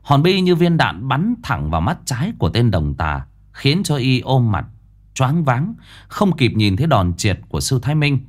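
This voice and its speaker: A man reading a ghost story aloud in a dramatic, expressive storytelling style. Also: mid-range voice, normal speed. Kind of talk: storytelling narration.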